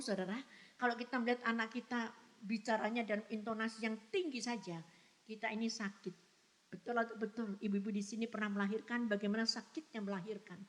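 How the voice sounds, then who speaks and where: A woman pastor delivering a sermon in church, with emphatic preaching, rhetorical questions and frequent direct address to the congregation. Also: on the high side. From Indonesia.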